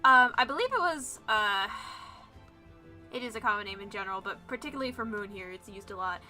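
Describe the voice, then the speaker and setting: Bright giggly woman co-host. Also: medium pitch, animated, a little fast, soft background music. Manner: giggly, chatty, teasing. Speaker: podcast co-host. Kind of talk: casual book chat.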